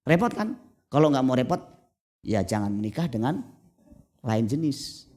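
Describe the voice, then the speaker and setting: A man preaching a sermon as pastor at a church service, telling stories with lively energy and acting out the voices of husbands and wives. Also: mid-range voice, moderate pace. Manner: lively storytelling, acts out spouses' voices.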